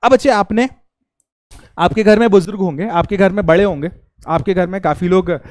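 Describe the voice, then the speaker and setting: A man's voice: sits high, brisk, darkish tone, no echo. A male teacher giving a live online class in a chatty, informal way, constantly quizzing the students and repeating key terms.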